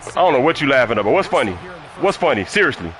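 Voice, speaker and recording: A man's voice: medium pitch, big pitch swings, rapid-fire, a bit bright, faint music behind. A man streaming a football video game live, heatedly mocking his opponent and repeating his taunts over and over. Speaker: gaming streamer.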